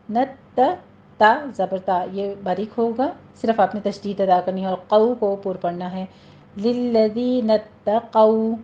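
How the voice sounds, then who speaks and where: A woman's voice: medium pitch, mellow, lo-fi sound, a little hiss or hum. Patient woman teaching Quran recitation. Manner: patient, explains rules step by step, then recites words slowly and drawn out. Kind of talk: tajweed lesson with slow recited examples.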